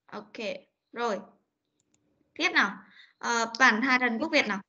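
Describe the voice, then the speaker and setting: Female online teacher, high-pitched, coaxing, repeats words for pupils to echo; muffled, lo-fi call audio. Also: a little slow, sharp tone. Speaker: English teacher. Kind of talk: online class pronunciation drill. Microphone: video call. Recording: dull lo-fi meeting recording.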